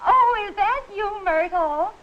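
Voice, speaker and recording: A woman playing a chatty, dithering caller in a 1940s instructional film, speaking slowly and aimlessly. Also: very high-pitched, animated, background noise, heavily acted. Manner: slow, drawn-out and aimless. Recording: dull old film soundtrack.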